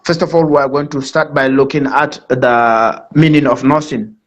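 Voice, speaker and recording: Appearing as a guest presenter on a live online talk, a Nigerian man speaks formally with a Nigerian accent, emphasizing explanations through repetition. His medium-pitched voice is steady and moderately paced, carried by dull, lo-fi call audio.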